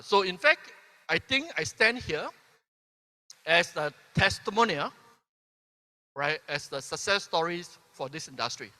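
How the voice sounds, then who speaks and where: This keynote speaker, a Malaysian man in his fifties, has a slightly high voice with a sharp edge. Addressing a large convention hall with a motivational speech, he keeps adding "right?" to his sentences and throwing questions at the audience, his words echoing with long reverb from the stage.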